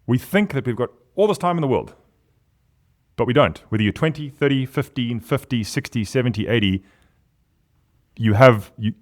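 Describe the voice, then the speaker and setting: A man, a podcast guest talking in an animated, emphatic way with big swings in pitch. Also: normal speed, long pauses. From South Africa. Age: 40s. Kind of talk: casual podcast conversation.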